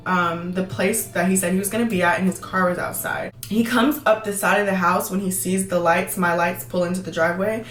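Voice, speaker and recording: Fast-talking young woman telling a story. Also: mid-range voice, fairly bright tone. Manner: fast, emphatic, repeats words for emphasis. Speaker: vlogger. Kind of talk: storytime vlog. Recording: roomy, distant from the mic.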